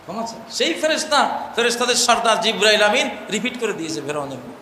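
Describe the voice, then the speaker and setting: A male preacher giving an impassioned sermon, swinging between loud cries and low murmurs and chanting verses. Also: expressive, fast. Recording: echoey hall, faint noise.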